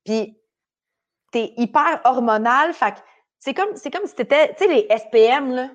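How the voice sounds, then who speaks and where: A woman with a Québécois accent chats openly on a podcast. Her voice sits slightly high, and her manner is frank and animated. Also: normal speed. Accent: Québécois French. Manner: candid, animated storytelling. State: pregnant. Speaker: radio host. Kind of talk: casual podcast chat.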